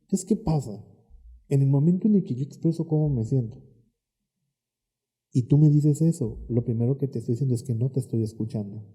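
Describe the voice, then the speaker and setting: A man with a Mexican accent, a therapist guest explaining emotions in a calm, reflective podcast conversation. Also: mid-range voice, fairly quick, pauses often, breathy edge.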